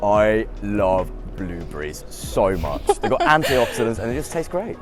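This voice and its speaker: Over music, a young British man in his twenties speaks in a lowish voice with big pitch swings, a little slowly. He's a students' union officer who grew up in the UK, responding to interview questions cheerfully and chattily, with plenty of "um" and "I mean."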